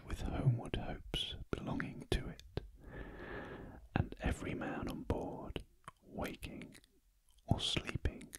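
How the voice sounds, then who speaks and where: Slow, whispering British man reading a story. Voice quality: breathy unvoiced whisper. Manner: very gentle, hushed, deliberate. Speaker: audiobook narrator. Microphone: close ear-to-ear stereo microphone.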